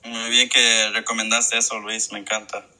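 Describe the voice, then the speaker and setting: A man's voice: on the low side, little pitch movement, moderate pace, bright, forceful tone, poor audio. A man appearing as a guest in a casual online chat, explaining things in a friendly way with many fillers. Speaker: guest co-host.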